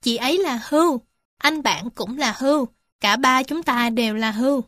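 A woman voicing a stubborn young fawn in a children's storybook reading, insistent and quick. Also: sits high, fairly bright tone, no room sound, clean studio sound. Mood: shouting. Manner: insistent, then sheepish.

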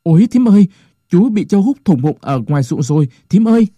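A man voicing Cuội, a cheeky young prankster boy, shouting in a high, frantic voice in a folk-tale telling. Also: very animated, moderate pace, dry recording. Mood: panicked.

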